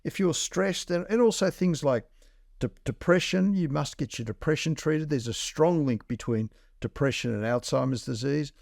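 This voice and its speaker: A male doctor co-hosting a casual health podcast is blunt as he explains numbers in simple terms. His voice sits on the high side with vocal fry and a slightly mellow tone at a moderate pace, in clean studio sound with no room sound.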